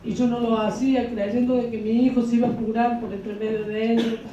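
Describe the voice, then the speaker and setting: A middle-aged woman with an Argentine accent giving a personal religious testimony, halting and repeating herself as she retells events. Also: fairly high pitch, little pitch movement, mellow, a little hiss or hum. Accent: Argentine Spanish. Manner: halting, repetitive retelling with restarts. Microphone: far from the microphone. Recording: dull, distant, very echoey hall.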